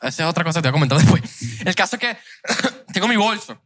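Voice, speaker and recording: Young guy cracking crude jokes on a podcast, talks fast, highish voice. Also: big pitch swings, fairly bright tone. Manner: crude joking, acts out voices of adults. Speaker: podcast co-host. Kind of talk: casual podcast banter.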